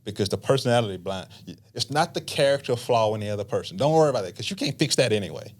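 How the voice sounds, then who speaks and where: A middle-aged man, a marriage counselor on a podcast, explaining in a relaxed, talkative way and acting out couples' lines. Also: medium pitch, quick pace. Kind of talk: casual podcast conversation.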